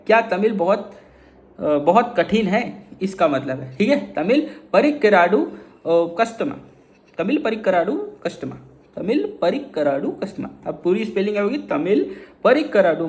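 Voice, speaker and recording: A man from Lucknow in northern India giving a casual beginner language lesson, repeating phrases slowly and checking in often. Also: sits high. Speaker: language learner teaching beginners.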